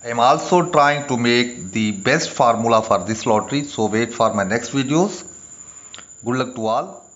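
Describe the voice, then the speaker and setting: A man who speaks as a narrates an instructional video as a presenter, speaking deliberately in short phrases with pauses. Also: medium pitch, lively intonation, fairly bright tone, lo-fi sound. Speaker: lottery tips presenter.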